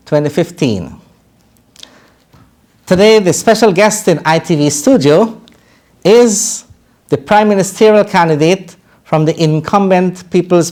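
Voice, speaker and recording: A man's voice: on the high side, darkish tone. A man hosting a TV interview program in a studio, asking questions in a formal, somewhat hesitant way. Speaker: TV interview host.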